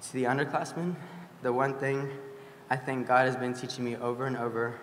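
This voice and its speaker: A man's voice: medium pitch, little pitch movement, fairly quick, fairly bright tone, slight background noise. A graduating senior boy in his late teens earnestly reading an apologetic farewell speech at a school chapel podium. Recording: echoey chapel with long reverb.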